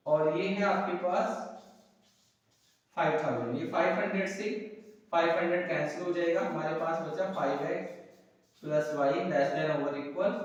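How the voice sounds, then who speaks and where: A man's voice: on the high side, highs cut off. A man teaches economics in a lecture, asking questions and then answering them himself, repeating the key terms. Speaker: economics tutor. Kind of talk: whiteboard lecture. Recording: echoey room, distant mic.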